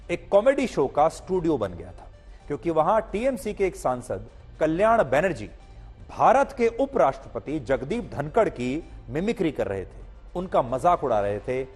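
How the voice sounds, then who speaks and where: A man's voice: on the high side, very animated, moderate pace, darkish tone, breathy edge, soft background music. Pointed middle-aged man anchoring news. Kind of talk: scripted news commentary.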